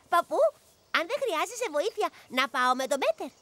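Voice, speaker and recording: A woman's voice: very high voice, sing-song, exaggerated voice. An actress playing a cheerful, curious little girl in a dubbed cartoon, speaking eagerly. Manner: bright, eager. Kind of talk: cartoon dub.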